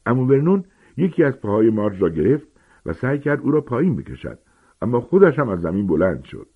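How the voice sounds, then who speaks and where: A man narrating a storybook in a dramatic, expressive reading. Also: mid-range voice, slightly rough. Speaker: audiobook narrator. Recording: tinny phone-like sound.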